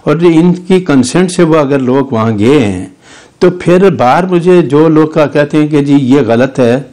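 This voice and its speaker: An older Pakistani lawyer with an Urdu accent argues legal points as a guest in a studio news interview. His voice is a little high, expressive, and mellow, at a measured pace. He sounds argumentative and legalistic and restarts at times.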